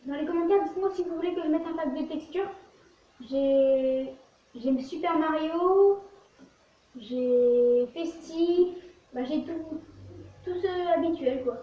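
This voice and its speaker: A woman hosts a gaming video with casual let's play commentary, describing her actions in short fragments. Her voice is high-pitched and slow. The recording is very echoey, distant and muffled, with faint noise.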